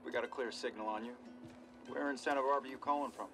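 An actor playing a calm radio operator for a survivor group in a video game, measured and matter-of-fact, through a radio filter. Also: male voice, medium pitch, over music. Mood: calm, welcoming. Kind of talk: video game drama acting.

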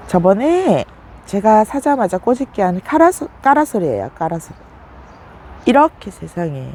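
A succulent plant vlogger with a dark-toned voice gives a casual, chatty tour of her plants, breaking into sudden high gasps as she exclaims over them. There's slight background noise.

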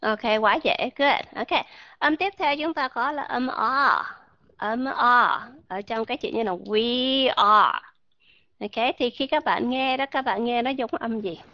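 A woman teaching English pronunciation to an online class, modeling sounds slowly and asking her learners questions. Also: fairly high pitch, sharp tone, no echo, highs cut off.

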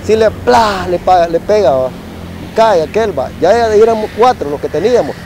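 A middle-aged man with a Salvadoran accent recounts his army days in a casual storytelling style, ending nearly every phrase with a quick "va" and imitating gunshots with his mouth. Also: high voice, lively intonation, darkish tone, a little hiss or hum, low-quality recording. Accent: Salvadoran Spanish. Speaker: former soldier telling a war story.

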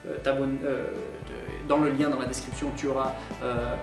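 A man's voice: mid-range voice, little pitch movement, normal speed, reverberant, recorded from a distance, music in the background. A Scottish man who teaches English online, ranting to camera in a teasing, mock-serious way with lots of fillers and restarts. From Scotland. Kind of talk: opinionated vlog to camera.

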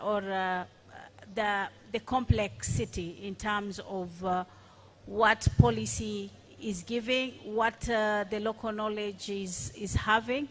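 A woman's voice: medium pitch, slight background noise. A woman panelist at a conference speaking on a handheld microphone, hesitant, with many fillers and restarts. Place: large conference hall stage.

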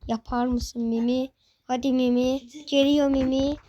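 A young gaming host, with a high voice and a slightly slow delivery, gives excited live commentary while he plays. He repeats the same phrases again and again and shouts urgent commands at the screen. The recording is rough.

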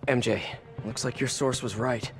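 A man's voice: medium pitch, steady tone, normal speed, music in the background, natural voice. A man playing a young masked superhero in a video game, earnest, quippy and conversational. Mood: focused. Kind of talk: video game cutscene acting.

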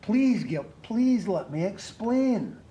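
A man's voice: high voice, big pitch swings, takes it slowly, warm tone, echoey room, full character voice. A man pleading through a letterbox. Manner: pleading, calling out. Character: man begging his ex to let him in. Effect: heard through a front-door letterbox. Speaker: ex-partner calling through the door.

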